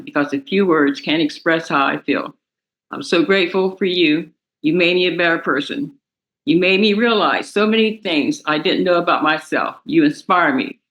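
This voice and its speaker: A young woman, the victim's daughter, reading a prepared impact statement aloud in a courtroom, emotional and halting, stumbling and restarting words. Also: sits low, a bit bright, rough recording. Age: young adult.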